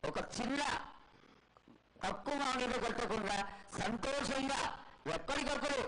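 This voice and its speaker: High-voiced man entreating at a noisy ceremony. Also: a little slow. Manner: entreating, respectful. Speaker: temple ceremony questioner. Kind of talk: devotional pleading to an oracle. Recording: echoey, very noisy live festival broadcast.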